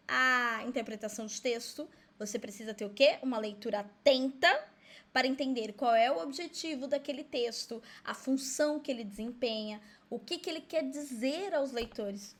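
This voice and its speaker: A woman gives a recorded school lesson in a high voice. She explains patiently, step by step, and keeps checking that her pupils follow. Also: normal speed. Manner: friendly, explaining step by step, with frequent checks like "certo?"; asks herself pupils' questions in a lighter voice. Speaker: Portuguese teacher.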